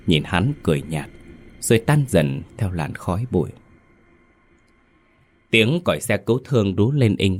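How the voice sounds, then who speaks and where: A man narrating a horror story in a suspenseful, dramatic way. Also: deep voice.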